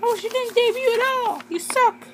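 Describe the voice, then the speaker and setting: A woman's voice: very high-pitched, normal speed, noisy background. A young woman voicing a cranky female object-show contestant in an amateur cartoon, whining and easily annoyed. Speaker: voice actor in a fan-made object show.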